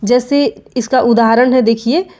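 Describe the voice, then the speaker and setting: A woman's voice: on the high side, fairly even intonation, measured pace, mellow. A young adult woman teaching a grammar lesson, explaining step by step and often checking in with her students.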